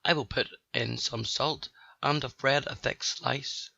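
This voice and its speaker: A man's voice: mid-range voice, steady tone, measured pace, gravelly, sharp tone, lo-fi sound, exaggerated voice. A man voicing a bold, cheeky young girl in a storybook reading. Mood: pert.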